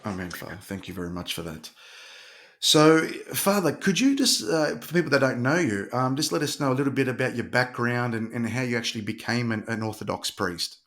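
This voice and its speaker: A man's voice: medium pitch, animated, a little fast, fairly bright tone. Polite male podcast host. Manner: polite, hesitant questioning. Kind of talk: interview questions.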